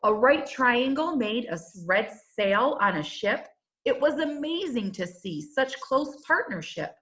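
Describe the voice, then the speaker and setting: Reading a rhyming children's storybook aloud, a woman with a somewhat high voice sounds measured and expressive, in the way a teacher would.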